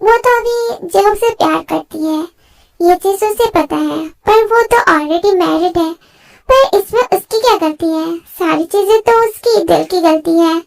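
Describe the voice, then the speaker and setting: A woman narrating a fan-fiction story in a plain, steady storytelling way. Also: extremely high pitch, measured pace, vocal fry.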